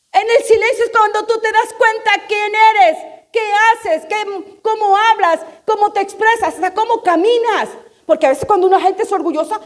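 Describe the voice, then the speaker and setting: A woman preaching a lively sermon at a Lent retreat, putting questions to the congregation and acting out quotes, sometimes hushed and sometimes raised. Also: very high voice. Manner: asks the audience questions often and acts out quotes; swings between hushed and raised, emphatic passages.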